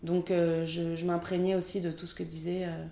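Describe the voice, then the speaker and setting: A woman's voice: lowish voice, little pitch movement, moderate pace, creaky, mellow, roomy sound. A French woman in her thirties, a film assistant director, chatting candidly in an interview with many fillers. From France. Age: 30s. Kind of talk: casual interview.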